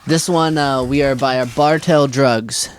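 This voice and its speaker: A man's voice: mid-range voice, slight background noise. A man co-hosting a casual podcast chat from a parking lot, rambling and restarting his sentences often. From Washington state. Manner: rambling, halting with many restarts. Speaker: podcast co-host. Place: parking lot near a van.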